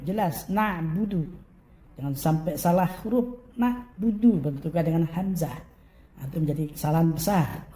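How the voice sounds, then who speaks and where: A man teaching Quran recitation, who chants verses in long drawn-out phrases and then gives brisk corrections. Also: a little high, dark tone. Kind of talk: recitation lesson.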